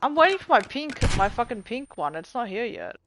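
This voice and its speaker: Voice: medium pitch, sing-song, brisk, background noise. A tired game streamer chatting casually while playing, mumbling and rambling with plenty of swearing. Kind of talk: casual live-stream chat while gaming. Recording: gunfire from the game behind the voice.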